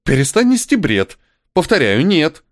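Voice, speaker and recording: A man's voice: a little high, wildly swooping pitch, measured pace, no echo, pitched above the performer's own voice. A dry, sarcastic young archer woman, voiced by a man. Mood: firm.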